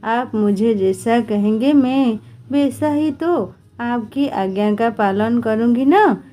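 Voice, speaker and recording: A woman's voice: a little high, lively intonation, slow, dark tone. A woman voicing a naive, eager young daughter-in-law who asks earnest, literal questions.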